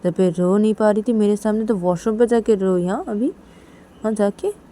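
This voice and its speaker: A woman's voice: mid-range voice, measured pace, dark tone. A woman voicing an anxious young woman who keeps coaxing her crying partner with repeated questions. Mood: pleading.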